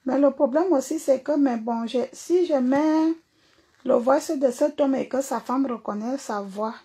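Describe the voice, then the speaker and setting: Husky woman in a mocking rant. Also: high voice, measured pace, mellow. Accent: Cameroonian. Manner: mocking, insulting, repetitive. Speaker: singer. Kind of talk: angry social media rant.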